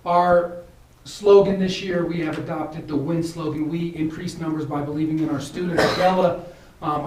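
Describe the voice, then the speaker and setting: Man, hoarse, principal at a school meeting, halting with many fillers, slightly high voice, echoey room, picked up from a distance. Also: slight background noise. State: losing his voice. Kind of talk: presenting at a school committee meeting.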